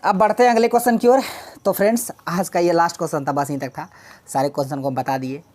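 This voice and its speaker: A woman's voice: fairly low pitch, steady tone, fast talker, darkish tone. A woman teaching an exam-prep English lesson, explaining patiently, repeating key words and answering her own questions.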